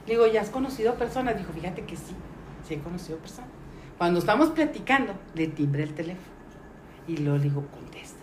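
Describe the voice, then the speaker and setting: This podcast guest, a middle-aged woman with a Mexican accent, talks at a quick pace in a fairly low voice. She tells her story casually and with energy, imitating the voices of the people involved, in a roomy recording carrying faint noise.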